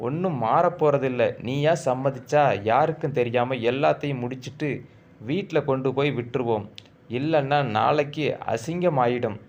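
A man's voice: mid-range voice, lo-fi sound, natural voice. A man voicing a cruel male villager who threatens a young woman harshly.

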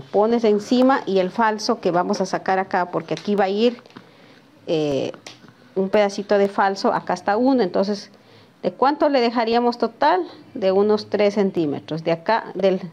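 A woman's voice: medium pitch, darkish tone. Chatty woman teaching pattern cutting. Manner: chatty, talks to viewers by name and asks "¿sí?" often. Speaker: sewing teacher. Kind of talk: live pattern-making lesson. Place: sewing workshop, at a cutting table.

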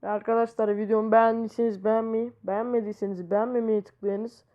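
A woman hosts a gaming channel, casually commenting as she plays and breaking into exasperated exclamations. Her fairly high voice is flat and quick, and the recording sounds muffled.

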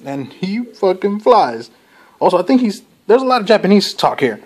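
A man's voice: sing-song, moderate pace. A man giving a casual, rambling comic book review, swearing often and laughing as he goes. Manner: rambling, laughing, profane, with sudden jumps in pitch.

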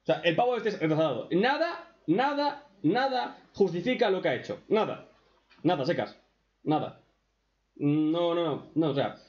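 A man's voice: fairly high pitch, animated, brisk, darkish tone. A man with an accent from Spain, doing crude, sarcastic reaction commentary as a streamer. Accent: Spain Spanish. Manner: foul-mouthed, sarcastic, mocking. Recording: echoey room, dull lo-fi sound.

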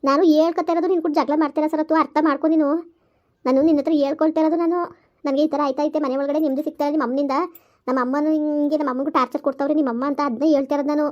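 Woman as an indignant young wife, rapid complaining, high warm voice, dull lo-fi recording. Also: level tone, natural voice. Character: young wife fighting with husband over mothers. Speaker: wife in a family skit. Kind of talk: village comedy skit acting.

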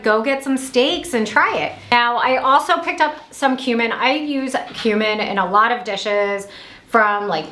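A woman in her thirties from Indiana, chatting upbeat at home through a grocery haul vlog, with quick asides. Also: fairly high pitch, sharp tone, roomy sound. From Indiana, USA. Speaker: vlogger. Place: small room at home.

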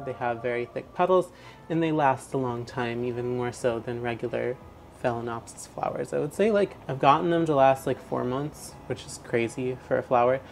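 This houseplant vlogger, a man in his twenties, has a creaky, medium-pitched voice. Standing by an open window at home, he narrates a laid-back plant tour full of dry, mock-dramatic comments while passing truck traffic adds noise to the recording.

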